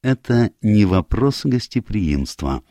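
A man voicing a fussy little Belgian male detective in an audiobook, speaking in a precise, measured, insistent way. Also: on the low side, sing-song, dark tone, dry recording, studio quality, voice pushed up, exaggerated voice. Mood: polite firm. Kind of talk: audiobook character voice.

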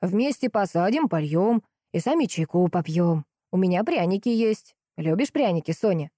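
A woman voicing a shy, kindly old village man who speaks gently and slowly. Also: fairly low pitch, animated, no room sound, studio quality. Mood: gentle.

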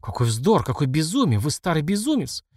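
A man's voice: fairly high pitch, big pitch swings, fairly quick, a little mellow, no room sound, studio quality. A man voicing a proud, defiant young woman who answers with haughty retorts.

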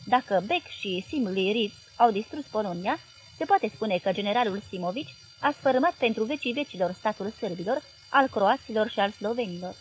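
A woman narrating a literary audiobook in a measured, clear reading style. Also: medium pitch, expressive.

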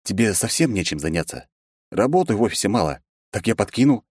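A man voicing a gruff, tipsy male lawyer who is quick to anger, grumbling in an audiobook. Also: on the low side, expressive, a little mellow, dry recording, voice pushed up. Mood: threatening.

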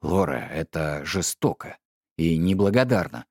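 A man reading an audiobook, voicing a stiff, pedantic middle-aged husband who talks in a slow, measured, reproachful way. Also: very deep voice, animated, husky, dry recording, studio quality, voice pushed down, exaggerated voice.

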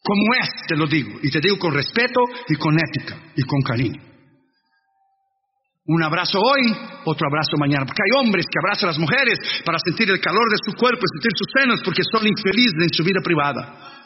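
High-voiced preacher in a reverberant church. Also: male voice, animated, brisk. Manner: blunt, earnest preaching with English phrases mixed in. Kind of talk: sermon. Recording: dull reverberant church recording, faint noise.

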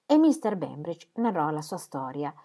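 A young adult woman reading a novel aloud at a steady, measured pace. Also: deep voice. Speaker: audiobook reader.

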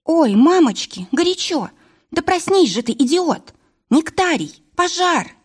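A woman reading an audiobook, voicing a panicky, excitable young woman who cries out in shrill, frantic bursts. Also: moderate pace, husky. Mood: panicked.

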